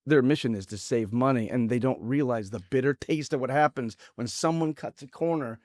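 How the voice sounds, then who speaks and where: A man co-hosting a podcast, rambling and animated, throwing in comic impressions. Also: mid-range voice, fairly quick, no room sound, clean studio sound. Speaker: co-host. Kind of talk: casual podcast chat.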